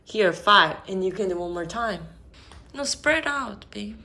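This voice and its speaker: A woman's voice: mid-range voice, animated, measured pace, bright, forceful tone. A Korean woman with an accent, a vlog host at home explaining food and a board game to her partner in simple, playful English. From South Korea.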